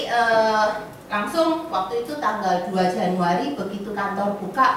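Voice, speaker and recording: A woman, giving a lively seminar talk to an audience and acting out the voices in her stories. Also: medium pitch. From Indonesia. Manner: animated, acts out dialogue in voices, laughs often. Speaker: motivational speaker to insurance agents. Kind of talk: live seminar talk with storytelling. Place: meeting room with audience. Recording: echoey room, distant mic, faint noise.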